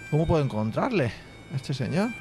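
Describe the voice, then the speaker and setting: A man's voice: a little high, very animated, fairly quick, music in the background. Chatty man. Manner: chatty, swears freely, reads game text aloud. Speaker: gaming youtuber. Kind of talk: casual let's play commentary.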